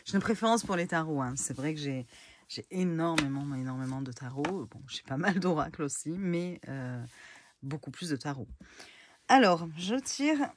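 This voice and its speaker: A woman's voice: low voice, expressive, normal speed, a little hiss or hum. A woman casually reviewing tarot and oracle decks, chatty and hesitant with many fillers. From France.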